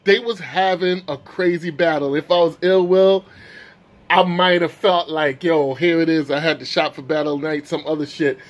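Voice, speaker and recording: Excited high-voiced man recapping a vlog. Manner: excited, slangy storytelling, swears a lot. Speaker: channel host recapping a rap battle.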